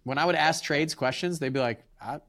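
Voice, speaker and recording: A man hosting a podcast, talking in a relaxed, rambling way and acting out his conversations with tradesmen. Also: fairly high pitch, brisk. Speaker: podcast host. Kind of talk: casual interview chat.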